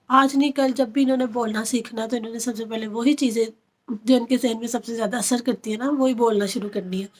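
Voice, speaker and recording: A woman talks casually and earnestly to other parents. Her voice sits a little high. She repeats phrases and leans on fillers as she explains. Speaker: parent vlogger. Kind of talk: casual advice talk to parents.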